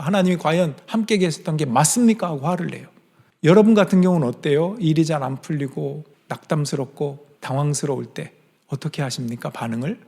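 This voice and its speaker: A man's voice: on the high side, darkish tone. A man preaching a sermon in church, telling a Bible story with rhetorical questions and acted-out quoted lines. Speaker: pastor. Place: church sanctuary. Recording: long hall reverb.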